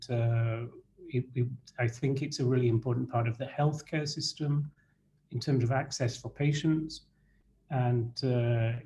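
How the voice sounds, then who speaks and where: A man's voice: mid-range voice, warm tone, poor audio. British man lecturing over a video call. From Britain. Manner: measured, with frequent fillers and restarts. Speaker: guest lecturer. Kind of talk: online lecture.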